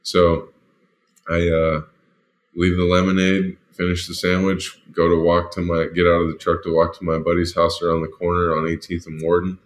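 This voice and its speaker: A man's voice: low-pitched, monotone, moderate pace. A man, a former football lineman, casually tells a story, rambling and filling it with "like" and "you know". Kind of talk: casual spoken anecdote.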